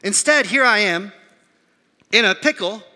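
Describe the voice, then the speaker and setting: High, bright-voiced man telling a story in a hall. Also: unhurried. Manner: animated, self-mocking storyteller who acts out voices. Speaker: pastor. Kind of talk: sermon storytelling. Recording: reverberant hall.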